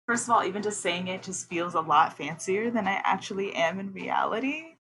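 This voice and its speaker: A woman poet, reading her own verse slowly and carefully, then chatting in a bubbly, excitable way as a podcast guest. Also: medium pitch, poor audio. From Queens, New York. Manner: slow, measured reading; bubbly and excitable in chat. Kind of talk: poetry reading and interview.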